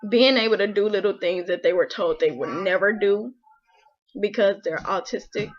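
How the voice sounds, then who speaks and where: A young woman speaks to her viewers as a mother, heartfelt and openly emotional, with plenty of casual "like" fillers. Her voice sits at an ordinary middle pitch for a woman. The recording is dull and lo-fi, as from a home camera. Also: normal speed. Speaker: vlogger, mother. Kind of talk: casual personal talk to camera.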